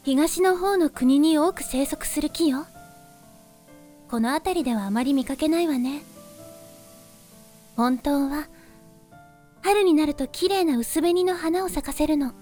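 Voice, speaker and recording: A woman voicing a soft, calm and gently teasing young woman who guards a moonlit forest, in a voice drama. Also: sits high, unhurried, pauses often, faint music behind. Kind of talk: voice drama acting.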